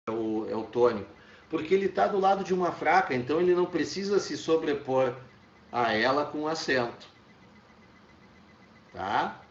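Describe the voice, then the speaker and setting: Brazilian male teacher, mid pitch, stop-start classroom explaining, muffled lo-fi recording. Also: distant mic. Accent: Brazilian Portuguese. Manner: explains with many "tá?" checks and restarts. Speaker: Spanish teacher. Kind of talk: online class lecture. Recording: echoey room, dull lo-fi sound.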